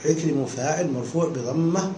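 Explaining a text to his students, this male teacher has a mellow voice pitched slightly high for a man. He repeatedly stops to ask brief questions to make sure everyone is keeping up, while the echoey, roomy recording carries a soft hum underneath.

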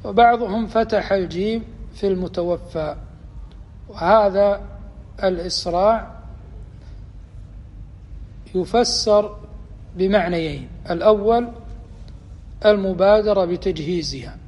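High-voiced man teaching in a reverberant hall. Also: a little mellow, lo-fi sound. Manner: deliberate, quizzes his students. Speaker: teacher of a religious lesson. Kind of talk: explanatory lecture. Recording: long reverb, faint ambience.

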